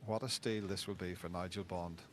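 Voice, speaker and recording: A man giving informal shot-by-shot snooker commentary, thinking aloud in a measured, conversational way. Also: sits low, steady tone. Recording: crowd and room noise behind. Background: snooker hall audience ambience.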